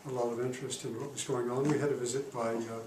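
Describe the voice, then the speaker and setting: An older man, a retired diplomat, gives an oral history interview in a roomy space picked up by a distant mic with faint noise. His voice is medium in pitch, level and slightly mellow, and his speech is halting with many pauses and fillers.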